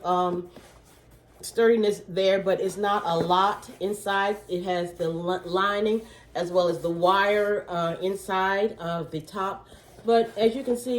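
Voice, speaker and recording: A woman's voice: mid-range voice, darkish tone. Chatty woman, echoey room. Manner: chatty, many fillers, says "okay?" to viewers. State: losing her voice, clearing throat. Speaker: vlogger, small gift business owner. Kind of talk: casual product show-and-tell.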